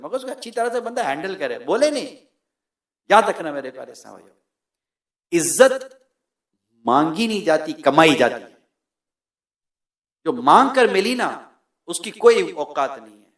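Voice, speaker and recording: Preacher, man, fairly high voice, animated and emphatic, echoey room. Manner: animated, rising to loud emphatic peaks. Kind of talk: sermon.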